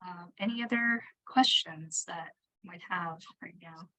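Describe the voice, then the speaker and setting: Lowish-voiced woman fielding questions, tentative. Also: unhurried, bright, forceful tone, rough recording. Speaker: training presenter, local government staffer. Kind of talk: spontaneous answers in an online Q&A.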